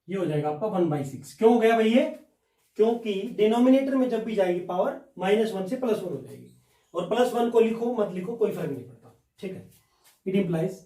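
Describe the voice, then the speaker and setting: A man teaches a maths lesson in a high voice. He talks the class through every step and keeps asking his own questions before he answers them. The sound is roomy and echoing, with the mic some way off. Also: mellow. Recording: echoey room, mic at a distance.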